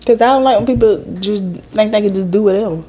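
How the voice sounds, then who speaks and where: A woman's voice: mid-range voice, fast talker, mellow. A woman co-hosting a casual podcast chat, blunt and stubborn. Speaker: podcast co-host.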